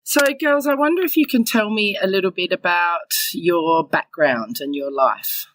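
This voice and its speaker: A woman's voice: lowish voice, animated, normal speed, a bit bright. A woman with an Australian accent hosting an interview podcast, encouraging her guests. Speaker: podcast host. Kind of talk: friendly interview.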